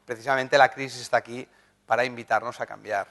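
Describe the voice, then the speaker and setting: A man giving a motivational conference talk, animated and anecdotal, joking with the audience. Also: mid-range voice, quick pace. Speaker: conference speaker, journalist and writer. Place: conference hall.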